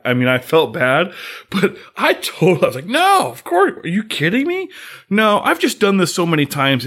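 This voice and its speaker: Male podcast host, conversational and unscripted, mid pitch, restarts often. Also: fairly bright tone. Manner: conversational, frequent fillers and restarts. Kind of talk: casual solo podcast monologue.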